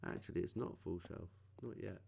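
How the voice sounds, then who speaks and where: Brisk and low-voiced with some vocal fry, a gamer with a British accent chats casually through a game walkthrough, voicing his thoughts as he plays. Background noise can be heard.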